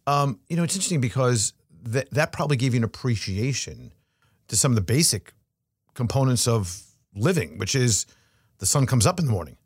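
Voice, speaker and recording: A man's voice: medium pitch, lively intonation, a little fast, husky, no echo, clean studio sound. Reflective man hosting a podcast. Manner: conversational, many fillers, reflective. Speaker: podcast host. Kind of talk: podcast interview.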